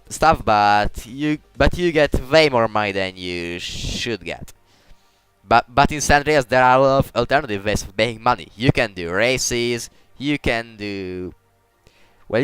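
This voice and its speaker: A man's voice: mid-range voice, a bit bright, clear, resonant tone, no echo. A man giving casual commentary while playing a game. He rambles, stumbles over his words and restarts sentences often. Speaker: gaming commentator.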